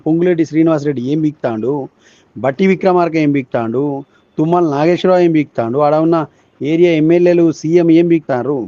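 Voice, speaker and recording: A man's voice: a little high, mellow, no room sound. A man with a Telangana Telugu accent, leaving a recorded voice message in which he scolds the chief minister as an angry voter, firing off indignant rhetorical questions. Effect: recorded voice message sent over a messaging app. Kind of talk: unscripted rant. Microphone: phone. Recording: dull lo-fi phone voice note.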